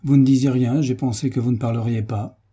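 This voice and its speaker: A man's voice: mid-range voice, steady tone, fairly quick, mellow, husky, close to an everyday voice. A man reading aloud, voicing a proud young peasant who answers in a curt, defiant way.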